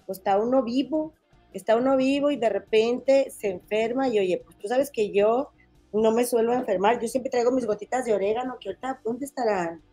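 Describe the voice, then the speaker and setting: A woman's voice: on the high side, normal speed, mellow, faint music behind. A woman from Monterrey with a northern Mexican accent, hosting a casual gossip podcast in a chatty, folksy way. She sounds nasal and stuffy from a head cold. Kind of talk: casual chat.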